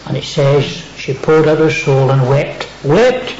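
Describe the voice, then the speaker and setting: A man's voice: on the high side, fairly even intonation, a little slow, a little mellow, roomy sound, muffled recording, slight background noise. A man preaching a sermon, dwelling on key words and repeating them for emphasis.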